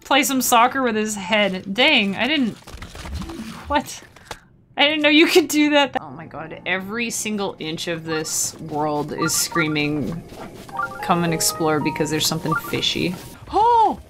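A woman streaming a video game with casual, playful, excitable commentary to her chat, often exclaiming and giggling. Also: medium pitch, a little slow, over music.

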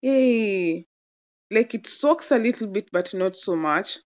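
A woman's voice: medium pitch, animated, takes it slowly, lo-fi sound. A young woman in her twenties chatting casually as she narrates a home cooking demo, playful and gushing about the food. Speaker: cooking vlogger.

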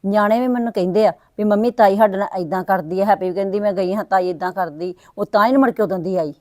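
A woman playing a blunt rapid-talking wife. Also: medium pitch, a little mellow, dry recording, natural voice. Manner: fast, reproachful, then muttering asides. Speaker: Sukhwinder, sister-in-law. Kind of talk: web series drama acting.

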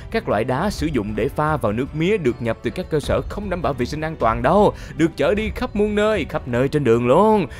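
A man narrating a food-safety top-list video in an energetic, chatty way, exclaiming and talking straight to viewers. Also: medium pitch. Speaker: channel narrator. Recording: voice-over with loud background music.

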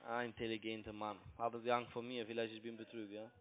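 This phone scammer is a young adult man speaking broken, non-native speech with a foreign accent; German is not his first language. He argues insistently and repetitively, fast and in a lowish, completely flat voice. The call comes through a tinny, narrow-band line.

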